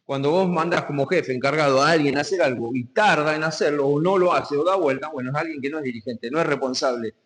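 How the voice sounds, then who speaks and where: A pastor from Argentina with a Rioplatense accent delivers a sermon in a fairly high voice for a man. He stops to question the congregation and reads scripture slowly and emphatically. His voice rings with a long reverb, as if in a community hall. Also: a bit bright. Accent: Rioplatense Spanish.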